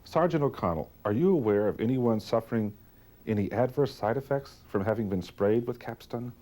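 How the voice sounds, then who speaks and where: A man's voice: medium pitch, animated, brisk, dark tone. A man acting as interviewer in an infomercial, putting questions to a guest.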